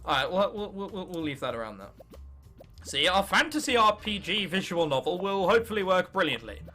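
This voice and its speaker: High-pitched and sing-song, the bright, forceful voice of a young English gaming video host, about nineteen, moves a little fast as he jokes casually and reads game text aloud in his English accent. Faint music plays in the background.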